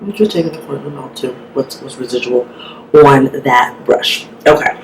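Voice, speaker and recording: A beauty vlogger with a very deep, gravelly voice talks fairly quickly through a makeup tutorial, casual and chatty, with "like" dropped in again and again. The recording is low quality, with a steady background hiss.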